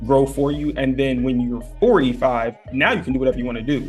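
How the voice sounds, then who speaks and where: A man in his late twenties co-hosting a podcast, explaining his ideas earnestly and casually, with fillers along the way. His pitch sits in the middle and faint music plays behind him. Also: fast. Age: 20s. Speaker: podcast co-host. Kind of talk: casual chat.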